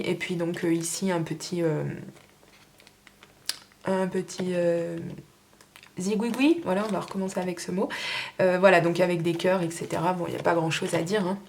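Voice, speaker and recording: A woman's voice: on the low side, a little mellow, slight background noise. Chatty woman, hesitant, full of fillers. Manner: chatty and informal. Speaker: crafter selling her stamps. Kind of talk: casual show-and-tell sale.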